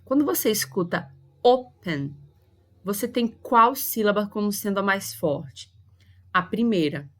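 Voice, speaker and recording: A woman's voice: mid-range voice, animated, moderate pace, a bit bright. A woman English teacher, a Portuguese speaker, explaining a grammar lesson patiently and going over each point again. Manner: patient, repeats and spells out points.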